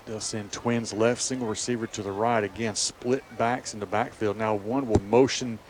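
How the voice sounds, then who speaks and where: A man's voice: fairly low pitch, steady tone, normal speed. Man calling football amid noise. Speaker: play-by-play sports announcer. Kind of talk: live American football radio commentary. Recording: clear outdoor stadium background noise.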